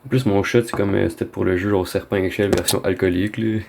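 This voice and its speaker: A man's voice: sits low, steady tone, quick pace, creaky, background noise. A man with a Québécois French accent giving casual, rambling gaming commentary, slangy and dropping in bits of English slang. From Quebec, Canada. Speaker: gamer recording a video.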